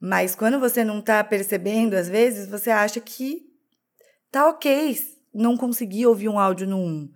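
A woman's voice: medium pitch, normal speed. A woman co-hosting a podcast in casual chat, candid and self-deprecating, often restarting her sentences. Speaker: podcast co-host.

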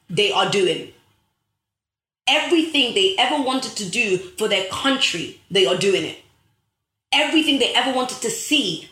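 A woman from the UK, a livestream host and author, gives a motivational talk to her online followers from her bedroom at home. Her bright, forceful, slightly high voice rallies and preaches, hammering the same phrases over and over. The room has plenty of echo.

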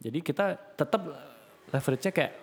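A man's voice: fairly high pitch, brisk. Guy hosting a chill podcast, jokey, lots of "eh", sounds like a big echoey hall. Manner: relaxed, joking, many fillers. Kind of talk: casual chat. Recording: long hall reverb.

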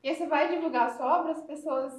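A sixteen-year-old girl who writes books, answering interview questions in a chatty, lively way. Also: sits high, quick pace. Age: teenager, 16. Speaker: young author, guest. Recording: echoey room.

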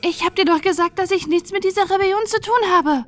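A woman voicing a terrified young female captive who pleads in a high, desperate voice through tears. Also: fast, music in the background. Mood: pleading. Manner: high, desperate, sobbing pleas.

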